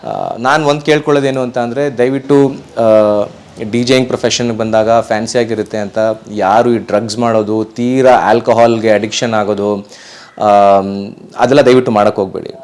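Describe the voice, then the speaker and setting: Man, from Karnataka, professional DJ, interview guest, earnest, emphatic, middle pitch. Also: fairly even intonation, moderate pace, darkish tone. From Karnataka, India. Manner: earnest, emphatic, repeats pleas. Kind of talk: casual interview talk.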